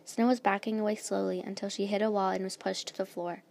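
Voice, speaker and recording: A woman's voice: mid-range voice, flat delivery, quick pace, vocal fry, darkish tone. A woman reading her own fan story aloud in a plain, unpolished way. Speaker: story reader.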